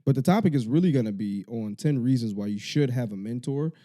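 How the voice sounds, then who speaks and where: A man co-hosting a casual podcast, talking earnestly and haltingly, with lots of fillers and restarts. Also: medium pitch, lively intonation, dark tone. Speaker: podcast co-host.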